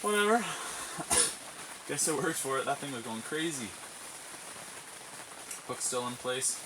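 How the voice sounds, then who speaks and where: A man's voice: medium pitch, takes it slowly. A man giving casual, slangy fishing vlog commentary in a laid-back way, recorded on location. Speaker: fishing vlogger. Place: inside an ice fishing tent and outdoors on a lake. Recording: noisy outdoor ice fishing recording.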